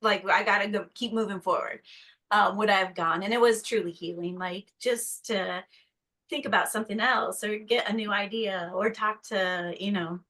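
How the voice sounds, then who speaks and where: A chatty woman guest from North Carolina talks casually, with a bright, forceful tone. She slips into lively put-on voices when she quotes people. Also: mid-range voice, normal speed, low-quality recording. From North Carolina, USA. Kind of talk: casual conversation.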